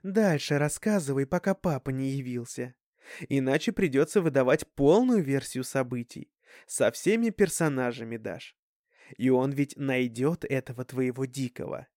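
A man reading the lines of a calm, protective mother, soft-spoken and measured. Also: mid-range voice, dry recording, studio quality, close to an everyday voice. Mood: careful, probing.

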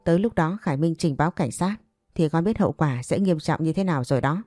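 A woman's voice: sits low, expressive, fast, warm tone, no room sound, clean studio sound, soft background music. A woman voicing a stern older father who firmly scolds his adopted daughter, in a narrated story. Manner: firm, admonishing.

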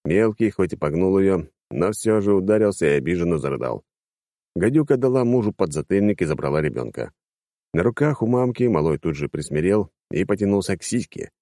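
Male audiobook narrator, low voice, wry and animated, dry close recording. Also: a little fast, no echo. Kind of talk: first-person audiobook narration.

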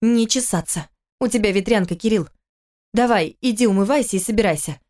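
A woman reading a story aloud, voicing a worried, sarcastic wife and mother who scolds quickly and sharply in a raised voice. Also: mid-range voice, darkish tone, lightly acted. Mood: scolding.

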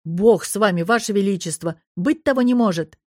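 A woman's voice: medium pitch, brisk, dark tone, dry recording, studio quality, lightly acted. A woman voicing a fussy, anxious old male artificer who runs a shop, pleading and eager to please. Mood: flustered. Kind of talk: audiobook character voice.

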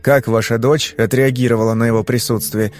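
Audiobook role: male reader as a calm investigator, curt, steady questioning. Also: medium pitch, soft background music, close to an everyday voice. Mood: brusque. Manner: measured, terse questioning.

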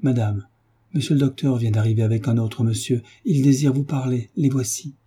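A distraught young mother pleads with her son and the doctor, as a man voices her in a storybook reading. The voice is dark and husky, only lightly shaded. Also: mid-range voice, steady tone, normal speed, lightly acted. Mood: pleading.

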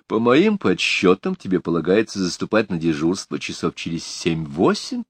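A man's voice: low voice, huge pitch swings, moderate pace, breathy edge, dry recording, exaggerated voice. A man voicing a sardonic older male boss in an audiobook, with a dry, ironic way of talking. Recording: dry close studio sound.

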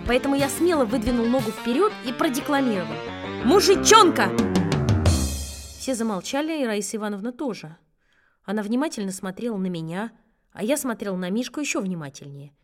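A woman reading a children's story aloud in a lively, expressive first-person telling, with faint music behind. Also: a little high, quick pace. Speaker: story reader.

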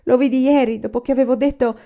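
A woman reading the lines of a pale, tense young woman in a storybook, speaking quietly and hesitantly. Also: high-pitched, steady tone, fast, highs cut off, pitched above the performer's own voice. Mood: hushed.

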